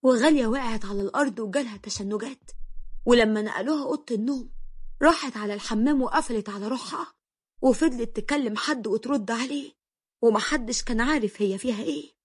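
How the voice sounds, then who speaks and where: High-voiced Egyptian woman storyteller. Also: quick pace, breathy edge. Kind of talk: dramatic story narration.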